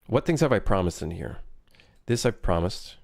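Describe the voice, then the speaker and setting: A man's voice: deep voice, sing-song, normal speed, vocal fry, a little mellow. A man born in Switzerland, a game developer chatting casually and jokingly on a live stream while reading chat aloud.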